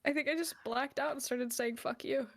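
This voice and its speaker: Woman, lively tabletop player, slightly high voice, laughs and cusses, dry close sound. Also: brisk, dry recording. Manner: animated, laughing, swearing. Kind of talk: casual post-session chat.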